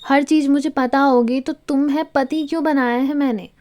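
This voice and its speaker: A woman voicing a drunk, playful young wife who teases and whines, a little higher than usual. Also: fairly even intonation, normal speed, natural voice. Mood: demanding. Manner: petulant, whiny shouting.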